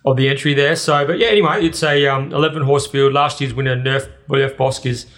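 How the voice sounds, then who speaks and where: An Australian man walks listeners through each race in a relaxed, chatty manner. His voice sits at an ordinary middle pitch, plain and unforced. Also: a little fast. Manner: runs through the field in a steady, chatty way. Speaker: racing podcast host. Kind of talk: casual racing preview chat.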